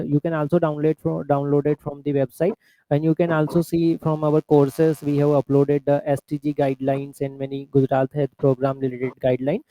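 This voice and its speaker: Very mellow Indian man giving halting feedback. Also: a little high, no echo, poor audio. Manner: halting, instructive. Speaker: mock interviewer and coach. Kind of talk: spoken interview feedback.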